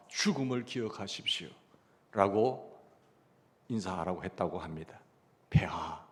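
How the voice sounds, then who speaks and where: A middle-aged male pastor preaching a Sunday sermon in a church. He tells stories and asks the congregation questions. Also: mid-range voice. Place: church sanctuary.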